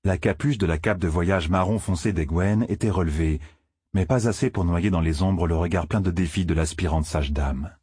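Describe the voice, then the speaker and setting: A man reading a fantasy novel aloud in steady scripted narration. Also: low voice, moderate pace, breathy edge, dry recording, clean studio sound. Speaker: audiobook narrator.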